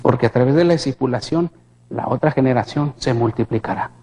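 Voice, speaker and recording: A man's voice: mid-range voice, fairly quick, dark tone, slight background noise. A man gives a dramatic personal testimony in church as a vivid storyteller who asks his listeners questions directly. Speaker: guest giving testimony in church.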